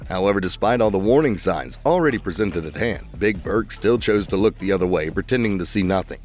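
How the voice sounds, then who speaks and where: A man narrating a sports commentary video in a mocking, opinionated way. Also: fairly low pitch.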